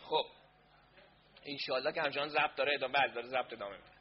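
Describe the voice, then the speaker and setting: A man's voice: medium pitch, dull audio. A man presenting a live online class, flustered as he sorts out connection and sound problems aloud. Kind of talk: casual talk during a live online session.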